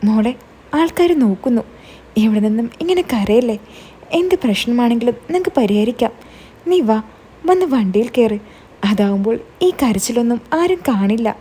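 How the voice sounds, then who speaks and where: A woman's voice: on the high side, lively intonation, moderate pace, slight background noise, natural voice. Woman voicing a kindly protective older man. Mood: soothing. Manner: gentle, reassuring.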